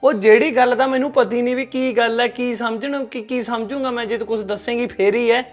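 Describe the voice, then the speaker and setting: An exasperated young husband, played by an actor, teasing and sighing at his wife in a high voice. Faint music runs under the film scene. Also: steady tone, fast. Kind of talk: short film drama.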